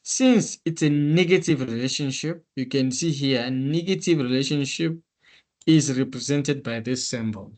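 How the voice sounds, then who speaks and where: A male instructor on a video call, walking through a screen-share tutorial step by step in a methodical way. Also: a little high. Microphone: computer mic on a meeting call.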